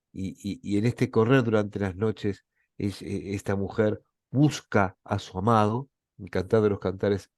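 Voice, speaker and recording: A man's voice: on the low side, darkish tone, dry recording, studio quality. A man with an Argentine accent giving a reflective Bible lecture as a professor, often checking in with his listeners. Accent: Argentine Spanish.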